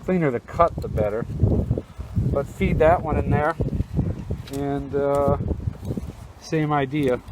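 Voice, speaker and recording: Taking his time and pausing frequently, a medium-pitched man demonstrates a restoration as host of a laid-back, informal tutorial. He talks through a face mask outdoors on a rooftop, with noisy camera audio.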